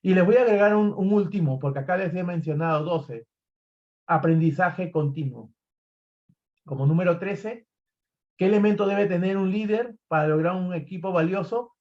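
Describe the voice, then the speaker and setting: A man's voice: sits high, moderate pace, dull audio. A man giving a recorded leadership lecture, talking animatedly, acting out examples and often restarting his phrases. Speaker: leadership trainer.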